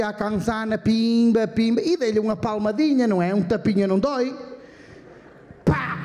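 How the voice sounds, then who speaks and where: A man doing crude, profane stand-up comedy and hosting a live show. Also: high-pitched. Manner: profane, loud storytelling. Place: live comedy venue with audience. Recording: reverberant live hall.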